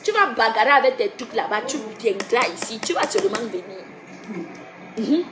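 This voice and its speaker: A woman's voice: a little high, expressive, normal speed, background noise. A woman, ranting and taunting, laughing and repeating her jeers. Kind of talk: mocking rant.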